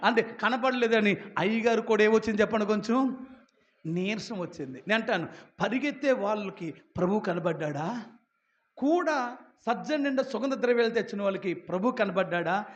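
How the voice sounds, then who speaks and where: High-pitched telugu preacher guy, really animated, dull lo-fi sound. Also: normal speed. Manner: animated preaching, acts out voices, calls to the congregation. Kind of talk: Telugu sermon.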